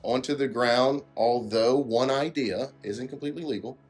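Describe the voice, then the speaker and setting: A man's voice: medium pitch, moderate pace, faint music behind. A man giving casual interview answers in a dry, understated way. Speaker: homeowner being interviewed.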